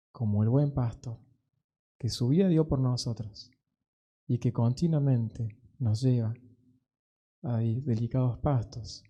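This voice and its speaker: Dark-voiced man preaching a sermon. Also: medium pitch. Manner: earnest, pastoral, with slow emphatic pauses. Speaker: pastor. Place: church.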